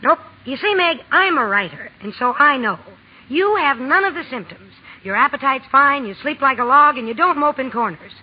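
An actress in a 1940s radio drama playing a blunt, spirited young tomboy who wants to write, with an emphatic, plain-spoken way. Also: female voice, high-pitched, animated, normal speed. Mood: bossy, teasing. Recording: old lo-fi radio recording, music behind.

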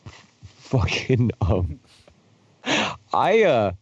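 A man's voice: lowish voice, big pitch swings, drawn-out words, husky, no echo, dull audio. A young man in casual chat, telling tour stories in a rambling, profane way with lots of fillers and restarts. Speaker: podcast guest, touring musician.

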